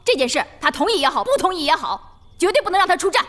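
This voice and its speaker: A woman's voice: very high voice, sing-song, fast talker, a bit bright, heavily acted. A middle-aged actress playing an insistent, meddling mother-in-law lecturing her son. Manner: scolding, insistent.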